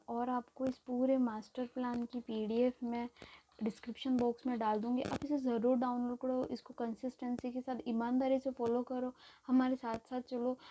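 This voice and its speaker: A woman's voice: on the high side, dark tone, slight background noise. Chatty woman teacher, narrow lilt. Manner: casual, encouraging, repeats "theek hai" often. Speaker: NEET chemistry teacher. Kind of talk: study-plan explainer in Hinglish.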